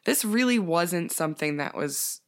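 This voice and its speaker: A woman's voice: fairly low pitch, animated, moderate pace. A woman hosting an interview podcast, reading a scripted intro and then chatting with a guest in an upbeat, enthusiastic way. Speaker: podcast host.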